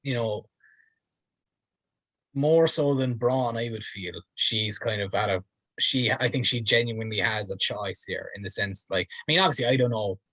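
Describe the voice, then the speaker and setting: A podcast co-host chats casually, rambling and hedging with lots of fillers. His voice sits on the low side with a sharp tone and moderate pace, captured in a dull, dry lo-fi recording with no room sound.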